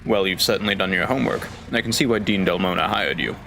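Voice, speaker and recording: A man voicing a proper, formal English gentleman professor from a video game, speaking in a measured, polite way. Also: deep voice, vocal fry, slight background noise, exaggerated voice. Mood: composed.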